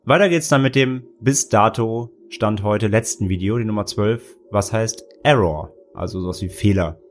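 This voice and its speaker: A man with a somewhat low voice co-hosts a casual chat podcast. He retells things at length, often restarting and repeating words as he goes. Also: moderate pace, faint music behind. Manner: rambling retelling with frequent restarts. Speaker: podcast co-host.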